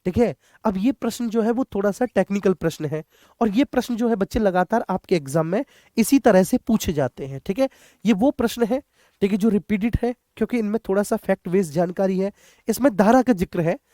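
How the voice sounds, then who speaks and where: Animated and brisk, this high-voiced man has a warm tone and clean, echo-free studio sound. He runs an exam prep lesson in question-and-answer form, addressing students directly with check-ins, repeating the main points instructively, and slipping in English terms.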